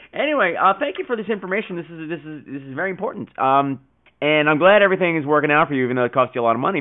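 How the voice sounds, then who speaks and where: A man with a high-leaning, narrow voice, heard through tinny audio, hosts a casual podcast with listener call-ins. He's theatrical and teasing, exaggerating his emphasis and swearing now and then.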